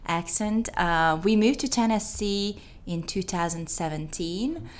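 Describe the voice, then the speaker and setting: A woman in her thirties from Hungary, speaking English with a Hungarian accent, answering interview questions as a biologist in an earnest, slightly halting way. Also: mid-range voice. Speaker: guest biologist.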